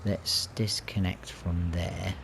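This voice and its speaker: A man's voice: low voice, level tone, takes it slowly, gravelly, noisy background. A man hosting a farming game series, talking casually and thinking aloud as he plays. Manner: chatty, thinks aloud, changes mind mid-sentence. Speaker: gaming channel host. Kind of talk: casual gameplay commentary.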